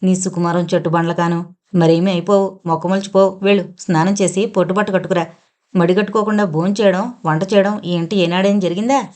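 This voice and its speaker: A woman's voice: on the low side, steady tone, quick pace, a little mellow, natural voice. A woman voicing a harsh, scolding older mother-in-law who drags out her taunting words. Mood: shrill berating.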